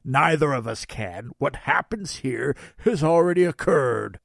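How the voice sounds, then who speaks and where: A man voicing a jolly, foul-mouthed old Santa Claus in a storybook, with a booming, merry, taunting delivery. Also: animated, a little slow, creaky, dry recording, studio quality. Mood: sheepish. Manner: taunting, cryptic, theatrical.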